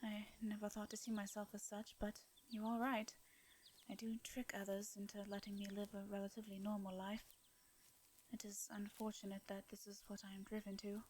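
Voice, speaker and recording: In an intimate fantasy audio drama, a woman with an English accent voices a gentle, courteous female vampire, centuries-worn, wistful yet devious. Her mid-range voice barely shifts in pitch and stays close to everyday speech, soft and breathy, with formal old-fashioned phrasing, hesitant pauses and an earnest, wistful mood. Slight background noise is audible.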